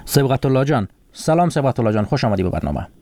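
A man hosting a radio call-in show, greeting callers and teasing them in a friendly, brisk way. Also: medium pitch, very animated, mellow. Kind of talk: casual on-air chat with callers.

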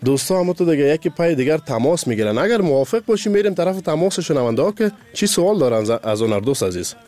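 A man's voice: fairly high pitch, very animated, mellow. A man hosting a radio call-in show, effusive and affectionate toward callers. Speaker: radio host.

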